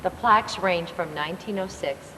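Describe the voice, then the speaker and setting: A woman's voice: lowish voice, normal speed. Lady tour guide on a bus, old vhs tape sound, far off from the mic and echoey, lots of hiss. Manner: informative, joking. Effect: old home-video tape sound. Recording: hissy distant echoey camcorder tape.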